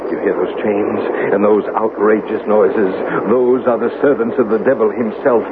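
An actor playing Don Quixote, a grandly heroic old deluded knight, in a vintage radio drama. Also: male voice, fairly low pitch, fairly even intonation, moderate pace, close to an everyday voice. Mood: grandiose. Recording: lo-fi phone-like band, noisy old recording.

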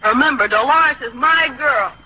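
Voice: high voice, normal speed, a little hiss or hum, lightly acted. A performer playing a cocky, condescending teenage boy who shows off his maturity in an old-time radio comedy. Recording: dull lo-fi old radio recording.

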